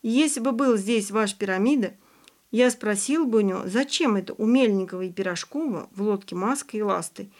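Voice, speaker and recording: A woman's voice: mid-range voice, fairly quick, a little mellow, natural voice. A woman reading the lines of a cheerful, teasing young male student teacher in an audiobook.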